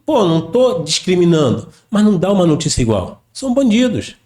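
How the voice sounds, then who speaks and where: A man with a Brazilian accent, a podcast guest talking in an animated, insistent way. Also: high voice, fairly quick. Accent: Brazilian Portuguese. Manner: animated and insistent, mimics others while telling stories. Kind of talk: casual conversation.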